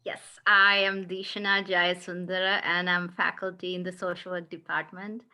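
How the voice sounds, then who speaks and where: Woman from sri lanka on a zoom call, low, flat, bright edge, short and hesitant. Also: normal speed, smooth. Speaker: social work faculty. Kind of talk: brief self-introduction. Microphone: video call.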